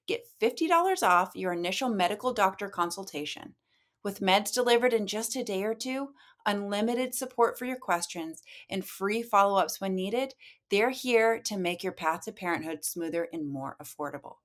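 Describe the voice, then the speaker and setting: A woman's voice: medium pitch, expressive, normal speed. A woman reading an upbeat sponsor advertisement. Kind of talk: read advertisement.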